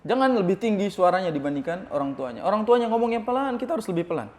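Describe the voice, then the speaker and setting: A man preaching a religious study lecture, reading Arabic text slowly and then explaining it in a lively teaching tone with rhetorical questions. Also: high-pitched. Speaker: Islamic preacher.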